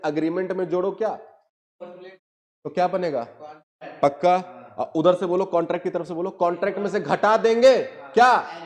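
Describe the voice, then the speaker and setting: Higher-voiced male lecturer teaching law. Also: darkish tone. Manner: asks students constant check questions; reads legal definitions slowly word by word.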